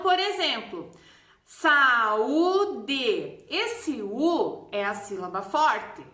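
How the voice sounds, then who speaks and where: A woman teacher with a Brazilian Portuguese accent patiently explaining a grammar lesson, repeating example words slowly. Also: high-pitched, bright, forceful tone. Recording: echoey room.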